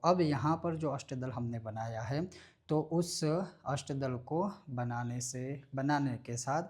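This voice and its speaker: A man explaining a prayer-bead ritual step by step, in a measured way that repeats phrases, chanting syllables and mantras slowly. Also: medium pitch, a little mellow. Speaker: ritual teacher.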